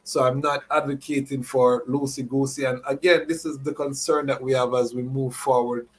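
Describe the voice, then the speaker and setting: A man's voice: medium pitch, level tone, normal speed. A man hosting a live show, mixing announcements with Rastafari reasoning in Rastafarian idiom and repeated catchphrases. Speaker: podcast host.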